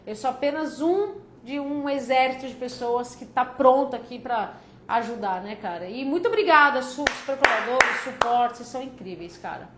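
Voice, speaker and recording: A high-voiced woman from São Paulo, Brazil, with a São Paulo Brazilian Portuguese accent, hosts a relaxed live stream on getting out of debt at a moderate pace. Chatty and joking, she answers viewers' questions warmly, calling them "filha" and "cara." Her voice echoes in a reverberant room over a faint hum.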